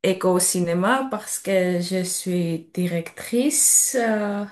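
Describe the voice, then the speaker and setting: Slow, halting Georgian woman in broken French. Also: fairly low pitch. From Georgia (country). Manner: halting, broken beginner's French with grammar slips and searching for words. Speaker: European volunteer giving testimony. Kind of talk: personal testimony at an information session.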